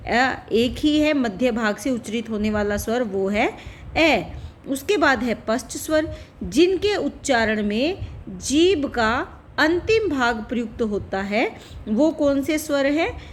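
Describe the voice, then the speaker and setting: High-voiced woman teaching a lesson. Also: a little hiss or hum. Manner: patient, repeats and asks rhetorical questions. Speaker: Hindi teacher. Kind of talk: classroom-style lesson explanation.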